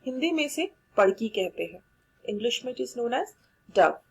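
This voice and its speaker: A woman's voice: a little high, lively intonation, a little slow, gravelly, slightly rough, poor audio. A woman with an Indian accent teaching English vocabulary, repeating each word and spelling it out letter by letter while mixing Hindi and English. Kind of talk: vocabulary lesson.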